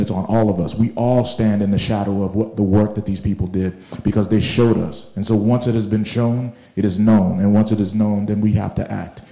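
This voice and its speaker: A man speaking on a panel discussion, reflective and halting, with many fillers and restarts. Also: on the low side, mellow. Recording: roomy echoing hall.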